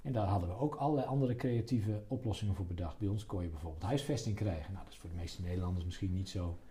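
With a low, warm voice and a quick pace, a middle-aged doctor being interviewed explains things in a relaxed, conversational way. He often starts phrases over and says words twice.

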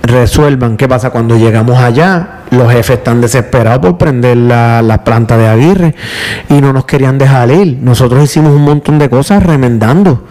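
A middle-aged man with a Puerto Rican accent, a power utility worker recounting a hard experience in an emotional, halting, repetitive way. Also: medium pitch, a little mellow. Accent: Puerto Rican Spanish. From Puerto Rico. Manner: emotional storyteller, repeats words, tearful at times. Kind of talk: emotional casual conversation.

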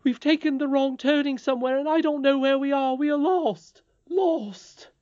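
A woman's voice: sits high, steady tone, moderate pace, darkish tone, dry recording, muffled recording, voice pushed up, close to an everyday voice. A woman voicing a frightened, snappish nursemaid in a storybook, speaking urgently. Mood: terrified.

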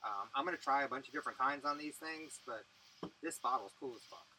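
Male podcast co-host, loose and profane, bright lively voice, faint noise behind. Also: medium pitch, quick pace, rough recording. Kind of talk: casual chat over drinks.

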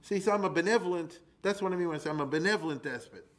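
A man's voice: on the high side, rapid-fire, a bit bright. A man lecturing informally on history to listeners, in a colloquial, rambling way, often checking that they follow. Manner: acts out paraphrased quotes in plain colloquial speech.

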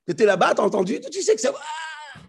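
Husky high-voiced man teaching Torah. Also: very fast. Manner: animated, often restarts and jumps in pitch. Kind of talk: Torah class explaining commentaries.

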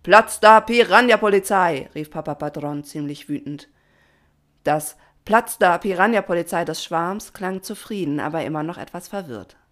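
A woman narrates a children's story in a calm, even way. Her voice sits notably low for a woman. The reading is scripted and steady throughout.

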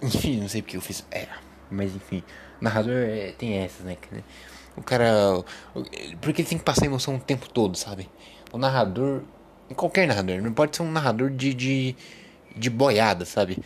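Brazilian young guy hosting a loose chat show, middle-pitched, rambling, bursts into joke impressions. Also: moderate pace, a little hiss or hum. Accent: Brazilian Portuguese. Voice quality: animated, jumps into loud mock narrating voices. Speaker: host of a casual talk program.

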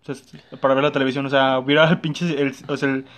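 A man's voice: medium pitch, flat delivery, quick pace, a bit bright. A young man with a Mexican accent telling a personal story in casual, slangy chat, full of fillers.

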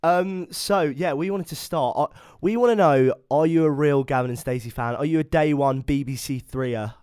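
A man's voice: on the high side, normal speed, a little mellow, clean tone. A man co-hosting a podcast, upbeat and jokey with casual slang. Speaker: podcast co-host.

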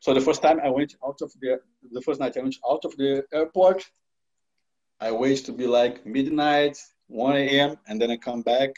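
A man telling a personal travel story in casual, non-native English, acting out the dialogue with sudden shifts in tone. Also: medium pitch. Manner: animated, acts out dialogue with quick shifts in tone; non-native phrasing, frequent restarts. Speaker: storyteller recounting a personal trip. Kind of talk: casual spoken anecdote. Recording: dull lo-fi recording.

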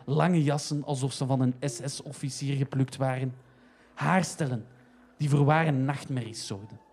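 A man's voice: mid-range voice, fairly even intonation, moderate pace, a little mellow, breathy edge. Man narrating a comic story.

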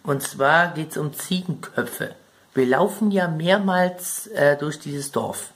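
A man's voice: fairly high pitch, lively intonation, slow, fairly bright tone. A man with a German accent talking casually about video game plot points, chatty and rambling, often turning to address his viewers directly. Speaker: gaming video creator.

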